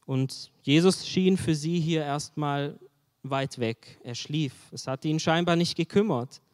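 A man delivers a sermon in an earnest, searching way and keeps turning to his listeners with direct questions. His voice sits a little high for a man. A long reverb trails after his words, as in a large hall. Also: a little slow. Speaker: preacher.

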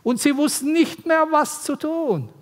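A man's voice: very high-pitched, lively intonation, measured pace. A man preaching an earnest, pleading sermon to mothers in a church, his delivery swelling and dropping. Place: church hall. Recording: long hall reverb.

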